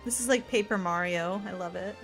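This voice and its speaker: A woman streamer giving excitable, gushing let's-play commentary, full of "like" fillers. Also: mid-range voice, brisk, soft background music. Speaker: gaming streamer.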